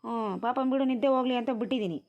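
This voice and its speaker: A woman voicing a tired, sharp-tongued village grandmother in a cartoon, nagging and scolding. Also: a little high, racing, highs cut off, close to an everyday voice. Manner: nagging, scolding rural speech. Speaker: grandmother tending a newborn.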